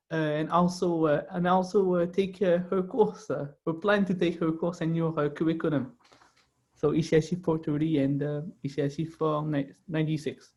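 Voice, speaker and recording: A student host introducing speakers over a video call, halting with many fillers. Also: male voice, on the high side, darkish tone.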